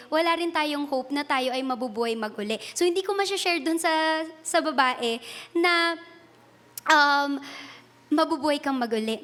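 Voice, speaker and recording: High-voiced Filipino woman preaching. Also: a bit bright. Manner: earnest, switching between Tagalog and English; retells a personal story with laughs and self-corrections. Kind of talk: sermon.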